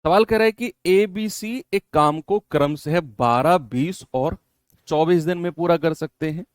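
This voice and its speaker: A man teaches an exam-prep maths lesson in a smooth, resonant voice pitched somewhat high. He walks through every step, says key phrases twice and chides his students with gentle firmness. The sound is dry and close. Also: unhurried, no echo.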